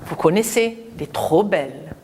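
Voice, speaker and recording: A husky-voiced primary school teacher leads young pupils through a French lesson without hurrying. She lets her pitch rise and fall in a lively sing-song, stretching and repeating every word and sound for the children.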